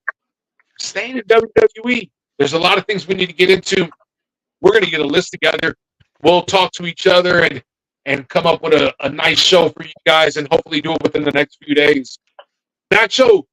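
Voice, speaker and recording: In a laid-back wrestling podcast, a male co-host muses aloud, letting sentences trail off before restarting them. The low-quality recording carries his high voice with its fairly bright tone.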